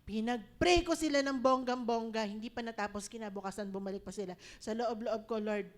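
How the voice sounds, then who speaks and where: A woman pastor with a Filipino accent, preaching an animated, laughing sermon that mixes English into her talk. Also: a little high, fairly quick.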